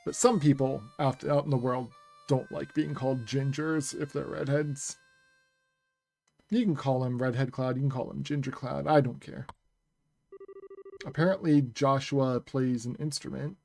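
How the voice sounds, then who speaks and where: A male game streamer chatting easily with his viewers, his mellow voice edged with gravel. He talks into a headset mic while quiet game music plays underneath. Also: medium pitch, fairly even intonation, measured pace. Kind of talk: casual game stream chat.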